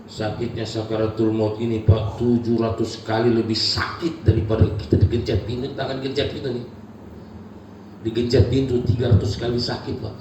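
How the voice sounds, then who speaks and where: A male preacher delivering a sermon, swinging from low murmurs to high shouted cries and often addressing the congregation directly. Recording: echoey hall, picked up from far off, noisy.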